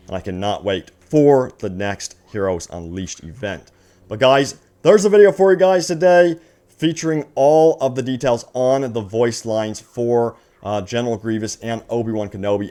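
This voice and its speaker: Here a man with a mid-range, dark-toned voice hosts a gaming news video. His delivery is enthusiastic fan commentary, upbeat and aimed straight at his viewers, with words stretched for emphasis.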